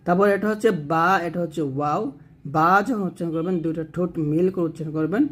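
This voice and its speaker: A man teaches Arabic letter pronunciation for Quran reading. He explains patiently and repeats himself, then draws each letter sound out slowly to demonstrate it. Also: fairly high pitch. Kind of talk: tajweed lesson on letter pronunciation.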